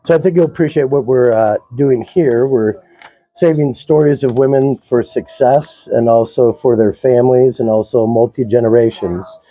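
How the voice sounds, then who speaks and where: A man hosting an interview, asking questions in a casual, slightly halting conversational way. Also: medium pitch, mellow, poor audio. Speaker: interviewer, host.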